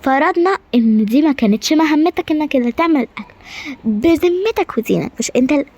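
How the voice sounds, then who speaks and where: A woman with an Egyptian Arabic accent voicing a haughty, short-tempered queen who scolds her staff in rapid complaints. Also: fairly high pitch, darkish tone. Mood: indignant. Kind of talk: amateur game-animation drama voicing.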